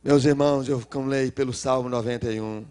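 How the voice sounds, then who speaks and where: A middle-aged male pastor with a Minas Gerais accent, preaching a sermon and acting out the dialogue of a story, swinging between loud cries and low murmurs. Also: fairly even intonation, fairly quick, clean tone. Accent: Brazilian Portuguese, Minas Gerais. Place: church.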